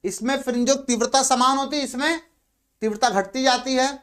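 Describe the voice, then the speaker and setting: A man's voice: very high voice, steady tone, a little fast, a bit bright, smooth. A male physics teacher giving a lecture, who asks questions, answers them himself and repeats the key terms. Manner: repeats key terms and says "ठीक है" often. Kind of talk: blackboard lecture in Hindi.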